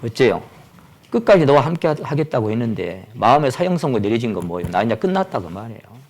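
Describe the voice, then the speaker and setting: A male pastor preaching a sermon dramatically, swinging from loud exclamations down to near-whispers. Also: medium pitch, sing-song, quick pace.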